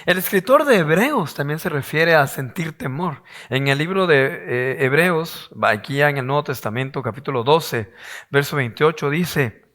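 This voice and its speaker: A man preaching a sermon as pastor, his voice hoarse, asking rhetorical questions and acting out quoted voices. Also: on the high side, expressive, moderate pace, fairly bright tone.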